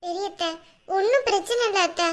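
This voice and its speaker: A woman's voice: very high-pitched, a little fast. A woman acting a young wife in a family drama skit, pleading and defending herself. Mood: defensive. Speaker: actor.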